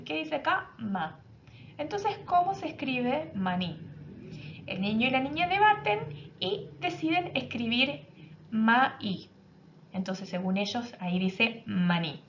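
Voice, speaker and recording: A woman's voice: fairly high pitch, sing-song, a little slow. A woman lecturer giving a recorded class, explaining step by step and asking rhetorical questions. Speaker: university lecturer. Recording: dull lo-fi audio with faint noise.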